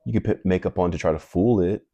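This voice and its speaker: A man's voice: low-pitched, fast talker, dark tone, no echo. A man hosting a casual chat, musing loosely about life with lots of fillers. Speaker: host.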